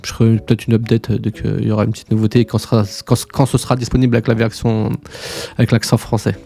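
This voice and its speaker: A man's voice: fairly low pitch, completely flat delivery, fast, creaky, warm tone, soft background music. A man hosting a casual screen-share tutorial, informal and slangy, chatting to viewers like buddies. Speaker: tutorial host.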